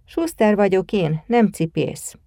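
A woman's voice: mid-range voice, very animated, gravelly, warm tone, no echo, studio quality. A woman voicing a grumpy, proud old male shoemaker who grumbles in short, curt lines. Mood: gruff.

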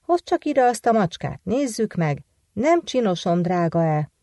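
A woman's voice: mid-range voice, big pitch swings, mellow, dry recording. A woman voicing a wicked old iron-nosed witch from a folk tale who barks orders at her daughters-in-law. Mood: menacing. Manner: barking orders.

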